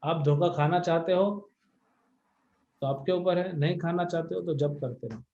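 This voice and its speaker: High-voiced man teaching bluntly. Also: moderate pace, warm tone, muffled recording, a little hiss or hum. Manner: blunt, scolding, mixes in English words. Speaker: spiritual teacher answering questions. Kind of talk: devotional Q&A discourse. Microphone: video call.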